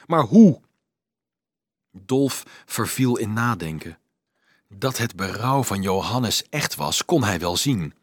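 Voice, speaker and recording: A man's voice: on the low side, expressive, slow pace, slightly rough, dry recording, clean studio sound. Man narrating an audiobook. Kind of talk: scripted narration.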